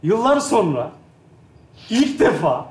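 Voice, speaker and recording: A man acting in a stage comedy sketch, talking in an exasperated, loud way. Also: high voice, very animated, slow, a little hiss or hum.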